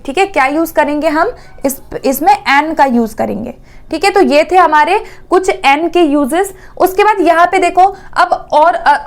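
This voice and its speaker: Woman, high pitch, grammar lesson, repetitive patient explaining. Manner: repeats words slowly, frequent checking "theek hai". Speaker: teacher. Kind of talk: exam-prep grammar lesson.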